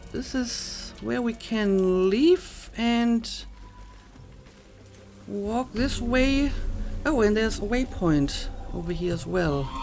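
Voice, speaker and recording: Female let's player: casual, slow, thinking-aloud game commentary over light background music. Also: a little high, a little mellow. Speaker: let's play host.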